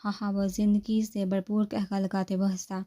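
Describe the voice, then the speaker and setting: A woman narrating a serialized novel aloud in a steady storytelling manner. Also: mid-range voice.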